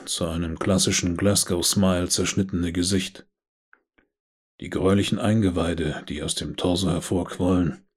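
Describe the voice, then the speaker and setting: A man narrating a dark audiobook in a measured, deliberate reading voice. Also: sits low, breathy edge.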